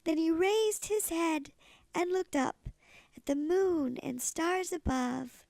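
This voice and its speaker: A woman reads a picture book like a sweet old lady, in a high voice with plenty of creak. She goes slowly through the rhymes. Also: darkish tone, no room sound. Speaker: storybook reader. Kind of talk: children's storybook read-aloud.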